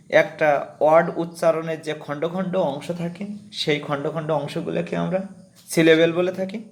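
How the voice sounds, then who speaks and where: A man's voice: sits high, a little mellow. A man teaches an English grammar class. He works through each point step by step and says the key terms over again.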